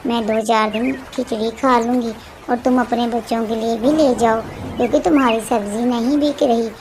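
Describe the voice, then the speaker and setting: A sickly old cartoon auntie, voiced by a woman, high-pitched and complaining, kind at heart but quick to scold. A noisy hiss sits under the voice. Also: steady tone, a little mellow, lightly acted. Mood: weary.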